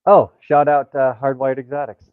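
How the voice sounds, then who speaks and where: A man's voice: medium pitch, little pitch movement, moderate pace, smooth, dry recording. A man chatting as a guest on a live show, his voice tinny from a faulty mic that makes him sound like he is in a tin can. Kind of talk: casual chat. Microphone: remote mic on a call. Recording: tinny, phone-like remote mic.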